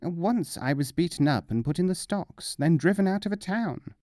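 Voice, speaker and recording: A man's voice: a little high, lively intonation, moderate pace, mellow, no echo, studio quality, voice pushed up, lightly acted. A man voicing a cheerful, boastful wandering mullah in a storybook, chatty and breezily self-assured. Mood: breezy, boastful.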